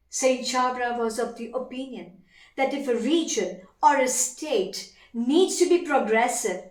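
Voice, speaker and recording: A woman with an Indian accent delivering formal competition oratory in a declamatory, deliberate, emphatic manner with dramatic pauses. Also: fairly high pitch. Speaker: teacher competing in elocution contest. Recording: echoey room.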